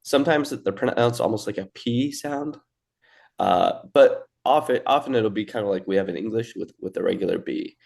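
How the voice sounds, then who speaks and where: Young male co-host, gravelly, easygoing lesson delivery. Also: lowish voice, moderate pace. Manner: relaxed, explains with fillers and restarts. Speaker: language teacher. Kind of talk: casual lesson.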